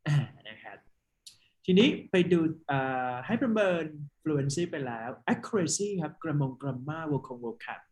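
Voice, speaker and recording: A man's voice: a little high, takes it slowly, low-quality recording. Man tutoring, explaining casually. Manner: relaxed explaining, mixing English terms into talk. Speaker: IELTS tutor. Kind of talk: one-on-one online lesson.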